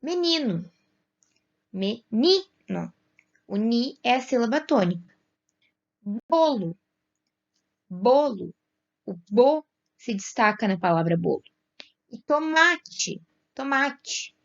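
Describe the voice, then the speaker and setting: Patient Brazilian woman teacher, high voice. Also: animated, muffled recording. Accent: Brazilian Portuguese. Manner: patient, slow, stretches example words syllable by syllable. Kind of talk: classroom explanation.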